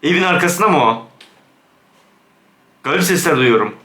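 A man commentating a Minecraft let's play, jumpy and excitable, dropping to hushed, scared whispers. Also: on the high side, moderate pace, echoey room. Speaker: gaming YouTuber.

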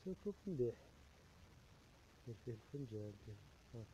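A man's voice: medium pitch, animated, a little fast, background noise. Man with an Algerian accent showing housewares. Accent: Algerian Arabic. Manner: chatty, repeats prices and item names. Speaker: shop seller. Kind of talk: casual product showcase.

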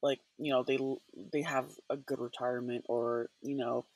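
A man's voice: medium pitch, flat delivery, moderate pace, no echo. A man co-hosting a podcast, musing in casual chat with a thoughtful, rambling manner. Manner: thoughtful, rambling, many fillers and restarts. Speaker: podcast co-host.

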